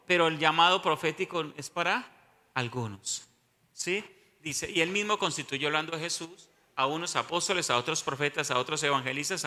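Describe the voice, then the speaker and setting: A man's voice: fairly high pitch, sharp tone, big-room sound. A male pastor, teaching a sermon and often asking the congregation questions.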